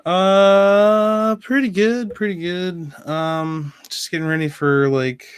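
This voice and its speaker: A man's voice: high-pitched, steady tone, slow, clear, resonant tone, no echo, studio quality. A young man who laughs often, chatting casually with a streamer on a call. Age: young adult. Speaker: guest. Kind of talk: casual chat.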